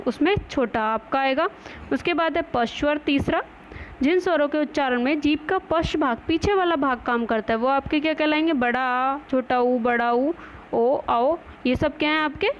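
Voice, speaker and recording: A woman teaching a Hindi grammar lesson, who asks questions and answers them herself and mixes in English words. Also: high voice. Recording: dull lo-fi recording with faint noise.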